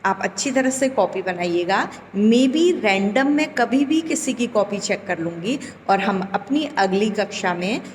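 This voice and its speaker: A woman teaching a Hindi class to children, speaking deliberately, drawing out vowels and asking the class questions. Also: medium pitch, lively intonation, a little mellow, long reverb tail, slight background noise. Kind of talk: recorded online class lesson. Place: home.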